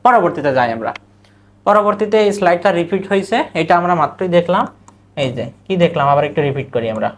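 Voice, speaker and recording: A male teacher with a Bangladeshi Bengali accent drills students on pronunciation. He asks a question, repeats the answer, and draws out model words slowly, syllable by syllable. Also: high voice, lively intonation. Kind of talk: recorded exam-prep lesson.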